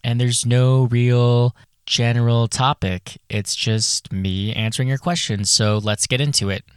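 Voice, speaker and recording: A man's voice: medium pitch, steady tone, measured pace, smooth. A man hosting a solo podcast in a casual, candid, chatty way, recorded in a small closet full of clothes. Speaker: podcast host.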